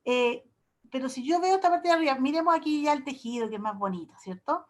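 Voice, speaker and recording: A woman's voice: high-pitched, lively intonation, fast. A woman professor giving an online workshop lecture in a chatty way, explaining with homely comparisons and little diminutives. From Chile. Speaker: university professor.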